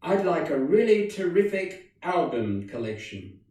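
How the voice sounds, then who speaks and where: A man's voice: fairly high pitch, sing-song, a little slow, a little mellow. A man doing a polite eager girl. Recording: very echoey room, distant mic.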